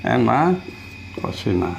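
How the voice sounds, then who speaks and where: Male language teacher at a whiteboard, mid-pitched voice, patient and repetitive, light background hiss. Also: very animated, gravelly. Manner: patient, repeats examples slowly. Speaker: Spanish teacher. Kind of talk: casual whiteboard lesson.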